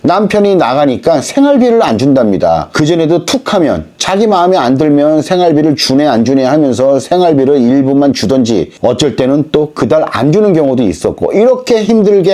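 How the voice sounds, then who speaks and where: Animated man telling a divorce story. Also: a little high. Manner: animated, emphatic. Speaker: divorce law office manager. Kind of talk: storytelling about a client's case.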